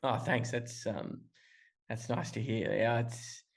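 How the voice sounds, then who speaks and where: This remote guest, an Australian musician, talks slowly in a gravelly, medium-pitched voice with a steady tone. His casual interview answers ramble on, full of fillers and restarts.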